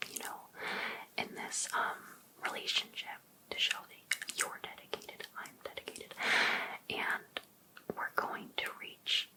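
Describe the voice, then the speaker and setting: In this ASMR roleplay, a woman whispers breathily as an obsessive life coach who is sweetly pushy, coaxing and deliberate. The acting is light, and the recording is rough.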